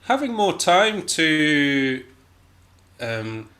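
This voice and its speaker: His voice is a little high and sharp, with big pitch swings and drawn-out words. This Scottish jazz pianist chats casually in an interview, coming across as hesitant, understated and self-deprecating.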